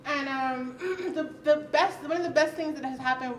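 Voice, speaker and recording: A woman's voice: high-pitched, normal speed. A woman speaking frankly and conversationally on a conference panel, often laughing as she talks. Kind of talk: candid personal talk at a roundtable. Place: conference session room. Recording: roomy, distant, faint hiss.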